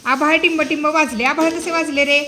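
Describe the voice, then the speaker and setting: A woman's voice: sits high, fairly even intonation, fairly quick, heavy background noise. A woman teaching a poetry lesson to small children, questioning them in a sing-song way. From India. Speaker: primary school teacher.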